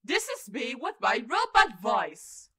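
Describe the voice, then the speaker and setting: A woman's voice run through a metallic robot filter, pitched down and stacked with short echoes so it booms. Her natural tone underneath is high and bright. She says each word slowly and flatly, like a demo. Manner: slow, flat demo phrase. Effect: robot voice filter, pitched down with layered echo. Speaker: software tutorial maker. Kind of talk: voice effect demonstration.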